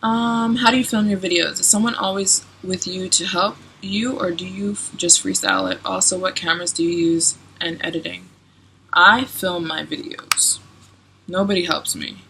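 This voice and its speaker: Young woman in her twenties, bright crisp tone, chatty vlogger who laughs easily. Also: on the low side, steady tone, moderate pace, a little hiss or hum. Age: 20s. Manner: chatty, giggly, lots of "like" and "um". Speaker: travel vlogger. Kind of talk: casual Q&A vlog.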